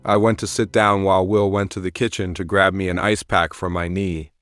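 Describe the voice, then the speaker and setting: A man narrating a first-person horror story in a steady, plain recounting manner. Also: low-pitched, brisk, clean tone, no echo, studio quality, faint music behind.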